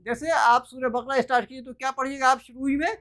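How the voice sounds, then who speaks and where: A man's voice: extremely high pitch, steady tone, fast, a bit bright. A man teaching an online grammar class over a video call. He talks patiently and repeats each letter and word for his students.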